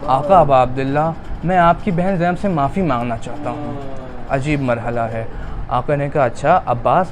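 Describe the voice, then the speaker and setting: A man from Pakistan giving a Muharram majlis sermon, retelling dialogue and rising into a loud, drawn-out lament. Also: mid-range voice, crowd noise. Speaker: preacher.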